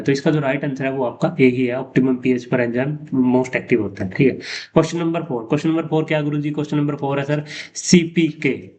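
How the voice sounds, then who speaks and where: A man's voice: mid-range voice, darkish tone. A man teaching exam questions in a casual explaining style, often repeating "theek hai" and mixing in English terms. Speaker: lab technology teacher. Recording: dull lo-fi sound with faint noise.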